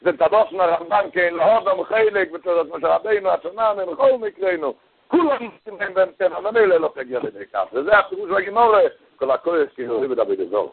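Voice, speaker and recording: A man giving a storytelling sermon, animated, his voice leaping high whenever he acts out the people in his story. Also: breathy edge. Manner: animated storytelling, voice jumping high for quoted characters. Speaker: rabbi giving a Torah talk. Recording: tinny phone-like radio broadcast.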